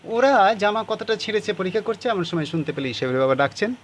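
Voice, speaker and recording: A man's voice: high voice, expressive, fast talker, a little hiss or hum. A man teaching a class, reading passages of a story aloud and explaining how to write the answers.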